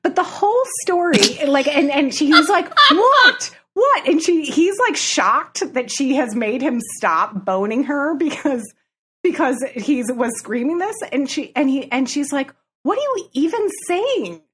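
Animated, laughing woman podcast host. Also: high voice, a little slow. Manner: animated storyteller, laughs often. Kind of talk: casual chat.

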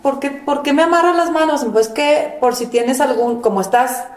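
Earnest high-voiced woman. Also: moderate pace. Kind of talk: casual group chat. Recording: echoey room.

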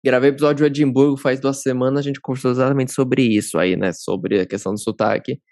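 A man's voice: medium pitch, steady tone, quick pace, a little mellow, dry recording, studio quality. A man from Brazil, hosting a podcast in a talkative, friendly way. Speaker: podcast host. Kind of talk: casual interview chat.

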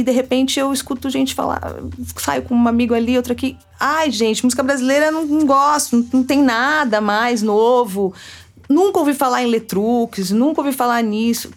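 A woman interviewing in a casual, informal and conversational way. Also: on the high side.

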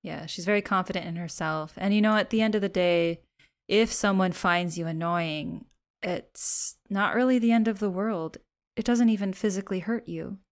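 A woman co-hosting a podcast, agreeable and quick to laugh in casual chat. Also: mid-range voice. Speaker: podcast co-host.

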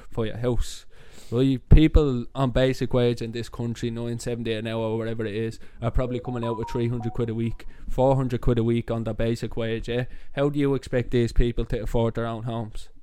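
A man's voice: mid-range voice, flat delivery, a little fast, hardly any pauses, warm tone, clear, resonant tone. A young man with a Dublin accent chatting casually on a podcast, opinionated, emphatic and colloquial, with some swearing. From Dublin, Ireland. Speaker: podcast co-host.

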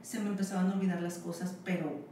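A woman's voice: lowish voice, fairly even intonation, dark tone. Frank mother, distant and roomy. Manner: frank, halting with fillers. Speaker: podcast guest. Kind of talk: candid personal story. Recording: roomy, distant mic, faint noise.

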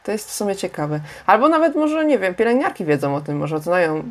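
A woman's voice: medium pitch, big pitch swings, brisk, slight background noise. A woman co-hosting a podcast, chatting casually and thinking aloud with fillers. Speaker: podcast co-host.

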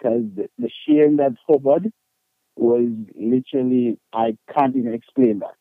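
A man with a Jamaican accent speaks at a measured pace in a medium pitch, sharing personal stories as an interview guest. He's candid and emphatic in colloquial speech, and the narrow, tinny audio has no echo.

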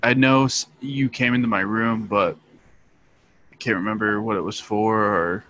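A man's voice: on the low side, fairly even intonation, moderate pace, bright, forceful tone, rough recording. A young man in his twenties, co-hosting a podcast, teasing and joking with a guest in casual, profane chat. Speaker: podcast co-host.

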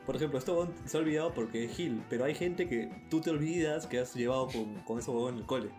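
Fast-talking young man. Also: medium pitch, over music. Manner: rapid, swears a lot. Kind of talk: casual chat.

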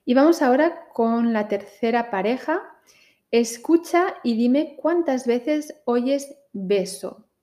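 A woman teaching pronunciation, saying each word slowly and carefully in a listening drill. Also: a little high, animated, dark tone. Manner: very slow, carefully articulated minimal pairs.

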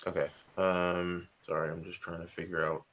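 A man's voice: low-pitched, flat delivery, normal speed, a bit bright. A man chatting casually as a player in a tabletop game, thinking aloud a little hesitantly.

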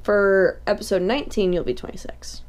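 A young woman co-hosting a casual podcast, talking at an everyday middle pitch. She fills her sentences with likes and ums and swears freely. She keeps a loose, conversational tone with her co-host. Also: normal speed. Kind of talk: casual chat.

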